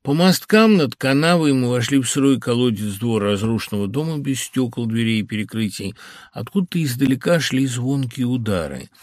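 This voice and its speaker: Guy narrating an audiobook, mid pitch, steady, dry studio sound. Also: a little fast, no echo. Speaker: audiobook reader.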